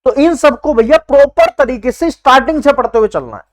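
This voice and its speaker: High-voiced man giving an emphatic coaching lecture. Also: animated, fairly quick, soft background music. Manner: emphatic, repeats key points, addresses students as brother. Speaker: exam prep teacher.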